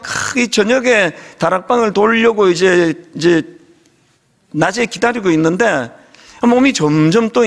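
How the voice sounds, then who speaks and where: A middle-aged male pastor with a very high, sing-song voice tells funny stories mid-sermon in a chatty tone. His words ring out with a long reverb from a big church sanctuary. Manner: conversational storytelling, humorous and animated. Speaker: senior pastor.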